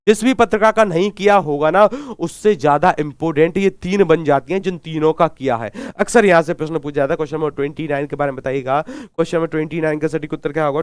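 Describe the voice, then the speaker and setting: A man's voice: on the high side, clean tone, no room sound, clean studio sound. Man drilling a live Hindi exam class. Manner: drills answers with repeated questions and call-backs; urges viewers to comment answers. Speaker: online exam tutor.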